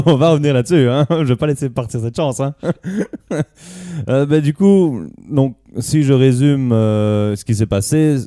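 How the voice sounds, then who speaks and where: A man's voice: mid-range voice, unhurried, dark tone, no room sound, studio quality. A man co-hosting an improvised comedy sketch, amused and laughing between lines. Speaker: comedy show co-host.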